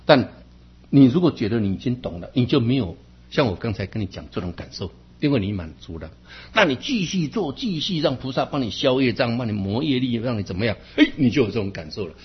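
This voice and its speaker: A man's voice: medium pitch, sing-song, fast talker, slightly rough. A man teaching Buddhist practice in an earnest, repetitive way, sometimes chuckling at his own jokes. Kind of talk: dharma talk. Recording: dull lo-fi recording.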